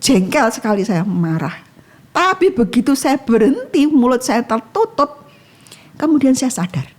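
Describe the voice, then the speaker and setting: A woman's voice: on the high side, sing-song, unhurried. A woman giving an emotional testimony in casual talk, acting out her own prayers. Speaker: guest sharing a testimony.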